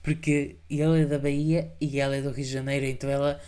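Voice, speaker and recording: Against a noisy crowd, a man with a European Portuguese accent hosts a reaction show, giving casual commentary on videos. His mid-range voice is level and quick, and he keeps insistently pleading with viewers to subscribe and like.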